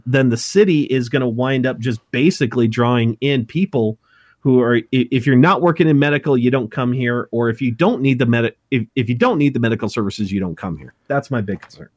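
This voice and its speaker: A slightly mellow, mid-range male voice with no room sound belongs to a podcast co-host from Montana in his thirties. In this casual chat he halts often, restarting and self-correcting as he goes.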